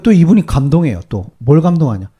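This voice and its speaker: Animated, mellow-voiced male pastor preaching. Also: on the high side, fast talker, husky, highs cut off. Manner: animated, keeps firing rhetorical questions at the congregation. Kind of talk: sermon. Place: church service.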